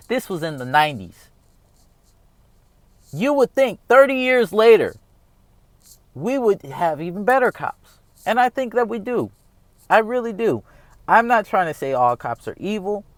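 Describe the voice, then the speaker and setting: With a voice on the high side and no echo, a U.S. vlogger in his thirties rambles earnestly through his opinions in a casual monologue, circling back again and again with "all right?"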